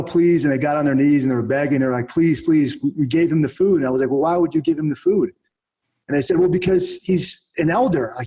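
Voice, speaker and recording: A man's voice: on the high side, darkish tone, low-quality recording. Rambling veteran man telling a war story. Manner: rambling, with many restarts and fillers. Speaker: military veteran guest. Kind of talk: storytelling in casual conversation.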